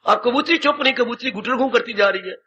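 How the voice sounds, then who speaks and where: Husky older preacher with a high bright voice. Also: male voice, fast, dull audio, slight background noise. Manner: storytelling with acted-out voices and sudden pitch swings. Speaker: swami giving a discourse. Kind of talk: sermon.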